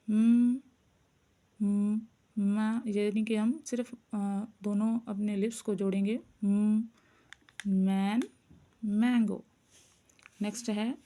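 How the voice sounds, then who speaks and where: A woman teaching phonics, slowly sounding out each letter and its example words. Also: mid-range voice, warm tone. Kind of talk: phonics lesson.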